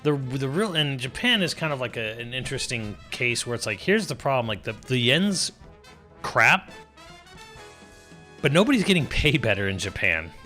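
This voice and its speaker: A man's voice: medium pitch, very animated, moderate pace, pushed and bright, faint music behind. A man streaming live, talking in a rambling, profane and sardonic way, restarting sentences often. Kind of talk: casual livestream commentary.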